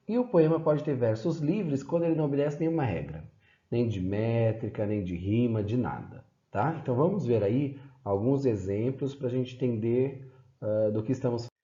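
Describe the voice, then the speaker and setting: A man's voice: medium pitch, mellow. A man teaching a recorded lesson over slides, explaining step by step with frequent "né" and "então". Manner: explanatory, repeats "né" and "então", reads poems aloud. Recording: dull lo-fi echoey room.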